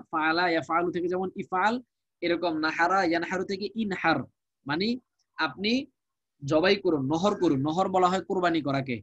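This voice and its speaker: A man with a Bangladeshi Bengali accent teaching a live online Quranic Arabic class, explaining slowly and repeating each word with its translation. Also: a little high, no room sound, muffled recording.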